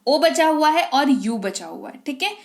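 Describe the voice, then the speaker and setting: A woman with a high, light voice leads an English reading class. She draws out sample words syllable by syllable, then asks her students again and again whether they've got it. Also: animated, vocal fry. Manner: drills words aloud, slow and stretched, with many check-ins to the class. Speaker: English teacher. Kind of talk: spoken classroom lesson.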